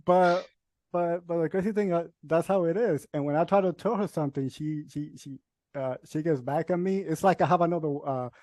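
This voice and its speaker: Laughing, rambling young man, fairly high voice. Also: fairly quick, a little mellow, no echo. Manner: rambling, laughs often, acts out quotes. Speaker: host. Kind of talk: casual chat.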